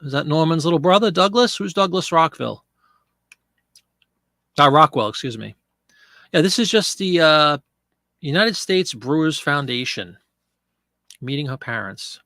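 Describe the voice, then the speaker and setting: Fairly high-pitched, bright and forceful, his expressive voice is unhurried and pauses often, with no room sound. He's a middle-aged man from Pennsylvania with a congested head cold, selling on an eBay live stream and chatting with viewers as he lists items.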